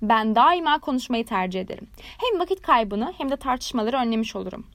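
A woman's voice: a little high, expressive, a little fast, fairly bright tone, dry recording. A woman doing a chatty, smug storybook frog. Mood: sweetly smug. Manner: gushing, nonstop talker, sweetly self-satisfied. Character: chatty, smug frog who loves her own voice.

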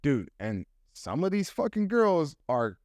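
A male podcast guest in casual studio chat, often chiming in with quick agreement, swearing and laughing along. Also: on the high side, big pitch swings, darkish tone, dry recording. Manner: frequent agreeing interjections, profane, laughs along.

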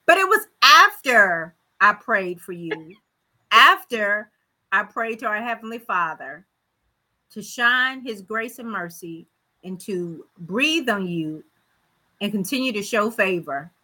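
Bright, lively woman speaking slowly. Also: medium pitch. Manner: playful, teasing interjections. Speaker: co-host. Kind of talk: casual chat.

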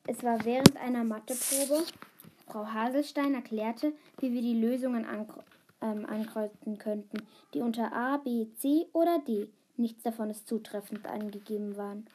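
A woman reading a children's book aloud, unhurried, with small slips and fillers. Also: fairly high pitch, noisy background. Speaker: reader.

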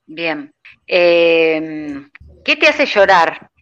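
A woman's voice: low voice, very animated, very slow, a crowd in the background. Rioplatense woman host on a dull call line. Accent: Rioplatense Spanish. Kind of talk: casual interview chat. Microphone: video call.

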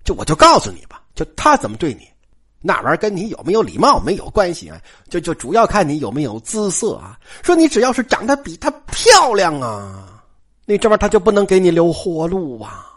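A man voicing a glib, flattering young male servant who gossips freely in a spoken story. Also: high voice, slightly rough, heavily acted. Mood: gossipy. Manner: chatty and flattering, talks fast.

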